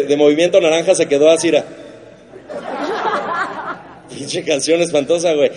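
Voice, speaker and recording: A man's voice: on the high side, darkish tone. Joking Mexican man, crude news monologue. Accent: Mexican Spanish. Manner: crude, joking, swears constantly. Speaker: comedy show host.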